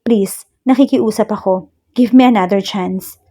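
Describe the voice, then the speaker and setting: A woman's voice: mid-range voice, unhurried, mellow, natural voice. A woman voicing a tearful young ex-girlfriend who begs to be forgiven. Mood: pleading. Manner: begging, sobbing.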